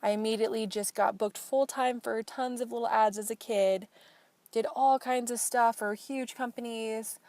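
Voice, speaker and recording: A woman's voice: a little high, steady tone, normal speed, darkish tone, dry recording. Frank young woman venting alone in her car. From Portland, Oregon. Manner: frank, exasperated storytelling with swearing. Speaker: podcast host. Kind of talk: casual solo chat. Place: inside a parked car.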